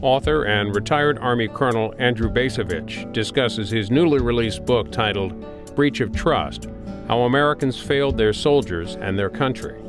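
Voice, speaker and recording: A man reading a scripted show promo in a steady announcer delivery. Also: medium pitch, moderate pace. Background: guitar music.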